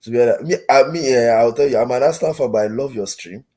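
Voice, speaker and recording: A man's voice: medium pitch, quick pace, warm tone. A man with a Nigerian accent chatting casually about football as a fan, often repeating phrases for emphasis. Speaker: call-in guest, football fan.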